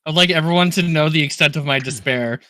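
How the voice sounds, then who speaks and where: A man's voice: fairly high pitch, fast, bright, forceful tone, no echo. A man on a group gaming stream, dramatically complaining about his game. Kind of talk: casual gaming stream chat.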